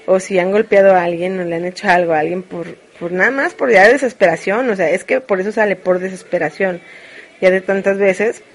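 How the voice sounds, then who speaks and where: A woman's voice: mid-range voice, fairly quick. Frank joking Mexican woman streamer. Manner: frank, joking, confessional rambling. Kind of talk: casual chat to live viewers.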